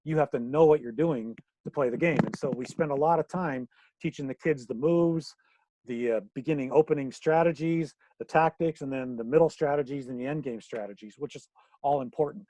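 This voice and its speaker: A man's voice: medium pitch, a little fast, warm tone, no room sound. An older man teaching chess in an online workshop over a video call, upbeat and jokey, with riddles for the group.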